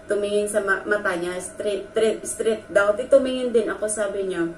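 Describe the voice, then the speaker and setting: In this clip a woman vlogger opens up to her viewers about her own experience, earnest and emotional throughout. She has a medium-pitched voice, an even tone, and an unhurried but not slow pace. Faint noise and room echo come through, as she's recorded from a distance.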